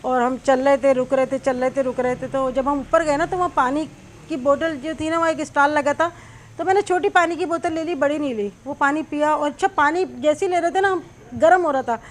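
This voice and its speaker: Middle-aged cooking lady, high voice, rambly story while frying puris, lots of little fillers. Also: fairly even intonation, a little fast, a little hiss or hum. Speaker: cooking channel host.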